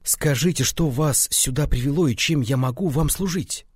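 A man's voice: a little high, moderate pace, husky, no echo, studio quality, voice pushed up. A man reading aloud plays an alarmed young nobleman who asks questions urgently and exclaims.

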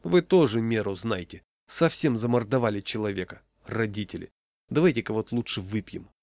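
A man's voice: fairly low pitch, normal speed, vocal fry, a little mellow, no echo, clean studio sound. Pashkin, a man doing a sly lecturing pal. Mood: placating. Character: sly worldly man, preachy joker.

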